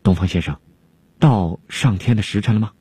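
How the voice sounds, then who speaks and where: A man voicing an anxious, timid male court alchemist, fretful and pleading, his voice jumping high in alarm. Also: normal speed, mellow, breathy edge, dry recording.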